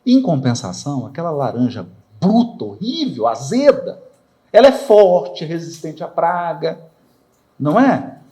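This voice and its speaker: A man gives a spiritist lecture, talking in a rhetorical way and often asking his listeners questions. His voice sits fairly high for a man. Its pitch swoops up and down with a lot of life. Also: measured pace. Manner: animated and rhetorical, asks questions and acts out quoted voices. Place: lecture hall of a spiritist center.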